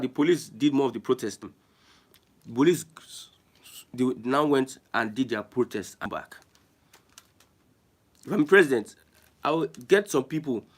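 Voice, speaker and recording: Man, Nigerian accent, mid-pitched, emphatic, repetitive, show host commentary. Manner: emphatic, repeats phrases, restarts often. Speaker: online show host reading viewer comments. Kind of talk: casual political commentary.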